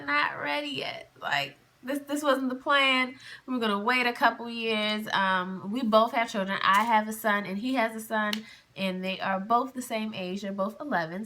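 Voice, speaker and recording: A woman's voice: fairly high pitch, sharp tone. A woman in her twenties telling a personal story to camera in a casual, chatty way, laughing often and acting out her own past words. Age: 20s. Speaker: vlogger.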